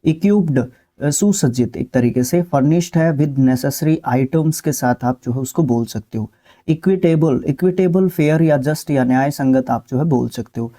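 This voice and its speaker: A man teaching vocabulary in a relaxed, explanatory lesson, checking in often with his listeners and pausing on filler sounds. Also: fairly high pitch. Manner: repetitive, with "ठीक है" check-ins and filler sounds. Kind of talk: explanatory lesson, talking through word lists.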